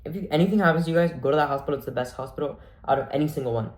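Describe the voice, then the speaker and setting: A man's voice: fairly high pitch, rapid-fire. A young man telling a story casually, full of "like" and acted-out quotes. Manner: chatty, full of "like", acts out quoted voices. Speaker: vlogger. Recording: echoey room.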